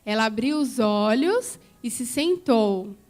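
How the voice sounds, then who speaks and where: A woman's voice: fairly high pitch, expressive, takes it slowly. A woman in a church telling a Bible story to children, coaxing them with questions along the way.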